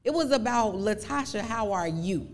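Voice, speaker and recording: A woman in her forties answering audience questions as a podcast guest, speaking earnestly with halting restarts. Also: mid-range voice, expressive. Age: 40s. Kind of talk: live podcast Q&A, personal testimony.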